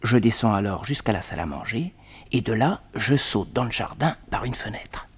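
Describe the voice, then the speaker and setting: In a 1960s radio serial, a man plays a jaunty young detective recounting his own adventure to listeners with lively suspense. His voice is on the low side and animated at a normal pace, lightly acted, with slight background noise.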